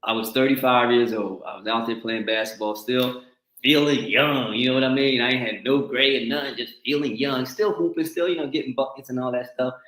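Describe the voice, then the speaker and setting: Brisk and medium-pitched, a middle-aged man chats casually as host of a talk show. He tells animated stories, performs the quotes, and laughs frequently, with noticeable room echo on the recording.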